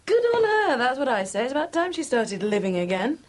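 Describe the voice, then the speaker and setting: An actress playing a practical, plain-spoken, fondly teasing woman in a naturalistic TV soap, with a husky voice. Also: sits high, very animated, brisk. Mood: gossipy, teasing. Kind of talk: naturalistic TV soap drama acting.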